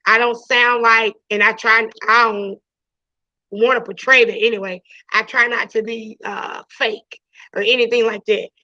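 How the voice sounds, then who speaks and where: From home, a woman teacher speaks unhurriedly to her class over a video call, her loud voice on the high side with little pitch movement. Chatty and casual, she restarts often and uses plenty of "you know"s. The lo-fi call audio is dull but has no echo.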